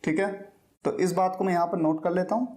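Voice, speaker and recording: A man's voice: high-pitched, steady tone, mellow. Patient male teacher explaining step by step. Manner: patient, repeats words slowly to model pronunciation. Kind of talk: explanatory classroom lecture.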